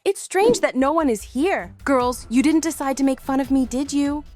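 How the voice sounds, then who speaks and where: A woman's voice: sits high, normal speed, a little mellow, soft background music, lightly acted. A woman voicing Rumi, a tired young female singer and demon hunter. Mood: jumpy.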